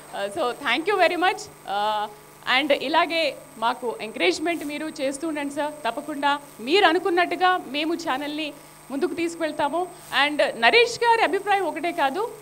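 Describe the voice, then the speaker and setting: A woman's voice: high voice, a bit bright, a little hiss or hum. A woman anchoring a company event, introducing speakers and mixing English into her talk. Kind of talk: emceeing an event.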